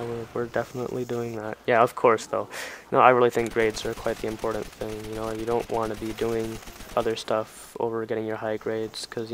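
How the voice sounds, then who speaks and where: A teenage boy giving casual, rambling gameplay commentary at home at night, swearing freely as he chats into his mic. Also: mid-range voice. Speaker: gamer. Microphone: desk or headset mic. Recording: game gunfire noise loud underneath. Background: video game gunfire and ambience.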